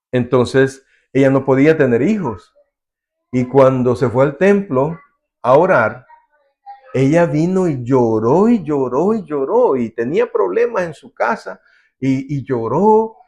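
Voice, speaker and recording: A man's voice: mid-range voice, a little mellow. A man preaching a sermon as pastor, earnestly, acting out the voices of the people in his stories.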